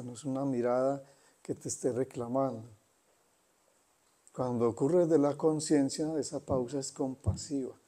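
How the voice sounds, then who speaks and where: Mellow-voiced man giving a spiritual talk. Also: mid-range voice. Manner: unhurried, pausing often, conversational. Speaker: spiritual teacher. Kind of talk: satsang talk.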